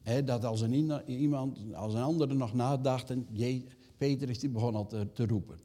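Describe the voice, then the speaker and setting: This sermon comes from an older male pastor whose mid-range voice is dark in tone and moderately paced. He poses rhetorical questions and lifts his voice for emphatic, acted-out quotes.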